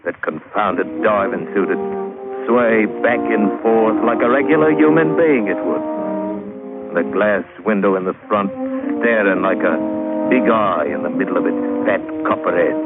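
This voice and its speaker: In an old-style radio drama, an actor plays a weathered sailor spinning his sea tale in colloquial dialect, with a brooding, nostalgic mood. His lowish voice moves at a normal speed and sounds close to an everyday voice, on a tinny old recording with music.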